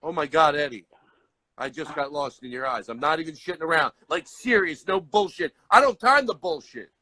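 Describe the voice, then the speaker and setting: A man's voice: fairly high pitch, moderate pace, bright, forceful tone. A man guesting on a casual comedy stream, talking in a playful, joking, mock-vain way.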